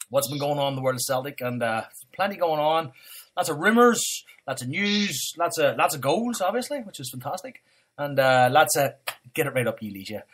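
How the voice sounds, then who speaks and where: A man's voice: on the high side, fairly bright tone. A man hosting a casual football podcast, full of jokey, sweary banter. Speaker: podcast host.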